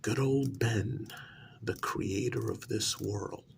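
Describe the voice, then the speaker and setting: In a soft-spoken ASMR role-play, a man plays a frustrated psychiatric patient who deludedly believes he created his own world, breathing heavily and often whispering as he asks halting, pointed questions. His voice sits lowish and the acting is heavy, with slight background noise behind it. The mood is weary and musing.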